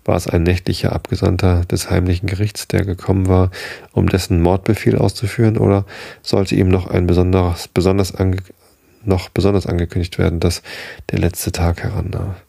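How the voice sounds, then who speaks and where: Deep raspy guy reading a story aloud, flat and dark, dry close mic. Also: brisk, dry recording. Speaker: audiobook narrator. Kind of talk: dramatic literary narration.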